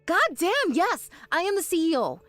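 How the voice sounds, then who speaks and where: Woman voicing a firm exasperated young woman, higher voice, expressive pitch, close dry sound. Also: normal speed, no echo, soft background music, full character voice. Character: calm, sharp-tongued young woman, the bride's sister. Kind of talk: animated story voice acting.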